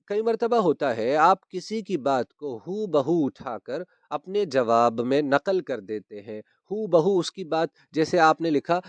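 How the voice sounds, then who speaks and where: Patient male teacher, slightly high voice. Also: animated, hardly any pauses, dry recording. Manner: patient, repeats key terms and checks understanding. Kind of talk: grammar lesson explaining punctuation.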